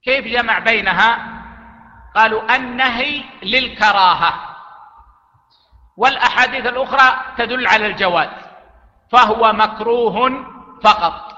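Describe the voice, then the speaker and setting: A man teaching an Islamic jurisprudence lesson, speaking deliberately and repeating key phrases for emphasis. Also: very high-pitched, pushed and bright. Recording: echoey lo-fi hall recording.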